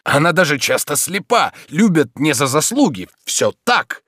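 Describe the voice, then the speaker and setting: A man's voice: on the high side, a little slow, breathy edge, no echo, clean studio sound, pitched above the performer's own voice, exaggerated voice. A man doing an agitated, insistent suitor. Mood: reasoning. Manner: insistent, urgent, lively. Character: agitated man pressing a woman, shaken.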